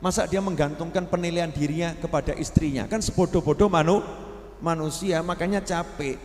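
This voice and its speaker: A man's voice: fairly high pitch, fairly quick, a little hiss or hum. A man preaching a sermon, asking the congregation questions and briefly acting out the people he quotes. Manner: animated, acts out quoted voices, asks the audience questions. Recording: echoey hall.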